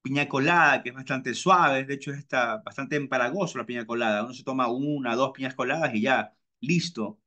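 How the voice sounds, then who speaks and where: A man's voice: brisk, hardly any pauses, sharp tone. A man, hosting his own podcast and chatting casually through personal stories, often repeating himself. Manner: chatty, repeats himself, mimics friends with high-pitched voices. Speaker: podcast host. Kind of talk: casual personal storytelling monologue.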